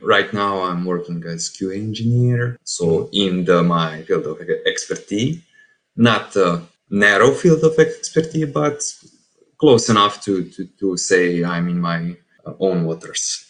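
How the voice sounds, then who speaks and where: A man in his late twenties with a low-pitched voice and a Serbian accent. He talks in a casual, reflective interview style, stopping and restarting phrases as he searches for wording. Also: expressive, fairly bright tone. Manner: halting, repeats and rephrases words. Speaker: podcast guest.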